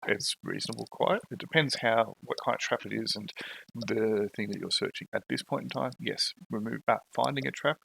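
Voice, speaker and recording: A man's voice: on the low side, a little fast, creaky, slight background noise, rough recording. A man narrating and ruling as game master of an online tabletop game. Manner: relaxed, describing scenes and rules.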